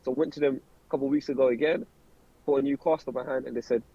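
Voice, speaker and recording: A man's voice: medium pitch, fairly even intonation, fast, slightly rough, no room sound, muffled recording. A man, a professional boxer chatting casually in an interview, rambling and repeating words as he starts sentences. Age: 20s.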